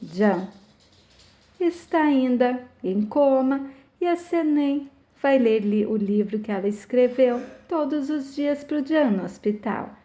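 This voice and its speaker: Mellow Brazilian woman recapping a story. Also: sits high, lively intonation, slow pace. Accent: Brazilian Portuguese. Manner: retells scenes plainly, quoting each character after "diz". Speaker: channel host recapping a soap opera. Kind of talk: casual spoken plot recap.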